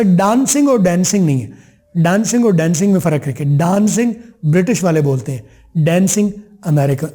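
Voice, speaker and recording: A high-pitched man with a mellow, soft-edged tone gives an English lesson. He stretches each example phrase out slowly, then hurries through the explanations around it. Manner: slow drawn-out repeated example phrases between brisk explanation. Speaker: English teacher.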